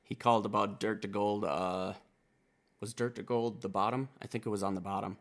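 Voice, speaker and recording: A man's voice: fairly low pitch, steady tone, a little fast, very noisy. A man reviewing a rap album in casual, profane commentary, calling himself a country boy as he breaks down the lyrics. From Wisconsin. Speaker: music reaction reviewer.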